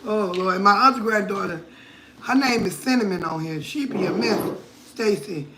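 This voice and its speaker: A middle-aged cooking vlogger from Connecticut, USA, chats casually and playfully in a live session, laughing often. Her voice is medium-pitched at a moderate pace, with a noisy background.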